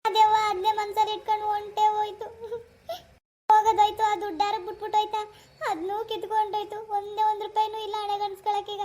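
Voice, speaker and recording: A woman voicing a self-pitying, sharp-tongued village wife in a cartoon, lamenting and scolding. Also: very high-pitched, little pitch movement, fast talker. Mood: regretful. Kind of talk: Kannada cartoon voice acting.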